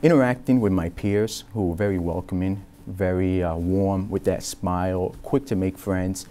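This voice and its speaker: A man's voice: low-pitched, fairly even intonation, normal speed, dark tone, slight background noise. A man student speaking reflectively about his college experience in an interview. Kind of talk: interview testimonial.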